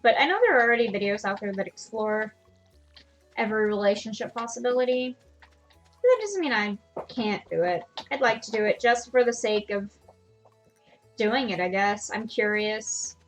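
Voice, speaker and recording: A woman's voice: medium pitch, expressive, moderate pace, faint music behind. A woman streamer giving casual, self-deprecating commentary while playing a farming game. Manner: chatty, self-deprecating, laughs at herself.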